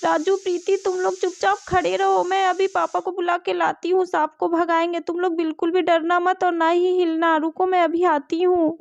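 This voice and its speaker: A woman's voice: extremely high pitch, steady tone, normal speed, creaky, a little mellow, no echo. A woman voicing a worried, caring mother in a doll story, talking urgently. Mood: anxious, urgent. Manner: urgent, fussing. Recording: dull dry home recording.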